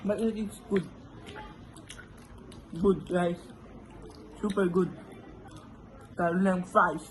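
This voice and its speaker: A woman's voice: lowish voice, steady tone, takes it slowly, poor audio. Filipino woman, home vlogger; coaxing, playful delivery, leisurely pace, light background noise. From Philippines. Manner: playful, coaxing, prompting others. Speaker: vlogger filming a food tasting. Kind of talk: casual home vlog. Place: home kitchen.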